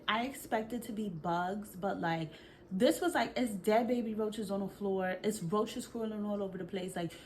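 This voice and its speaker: A young woman from Brooklyn, New York, telling a storytime vlog in an animated, chatty, slang-filled way, talking straight to her viewers. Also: mid-range voice, slight background noise. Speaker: vlogger.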